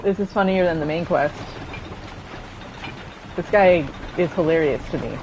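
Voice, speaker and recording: A woman streaming a game from her home setup, chatting in a rambling way and thinking out loud into a desk microphone. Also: deep voice, measured pace, highs cut off, background noise. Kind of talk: casual chat while gaming.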